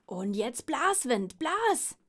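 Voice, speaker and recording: A stubborn, bragging little pug bellows his demands in a high, blustering voice, as a woman reader puts him on. The voice has a husky edge and a slow, deliberate storybook pace. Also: very animated, heavily acted. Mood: boastful shouting. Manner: loud, boastful, blustering. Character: boastful stubborn male pug dog.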